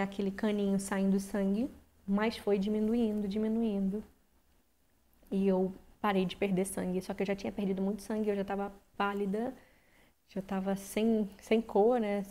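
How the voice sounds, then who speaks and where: A woman's voice: medium pitch, dark tone. A woman from Brazil telling a personal story in a candid, conversational vlog, with many restarts. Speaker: vlogger.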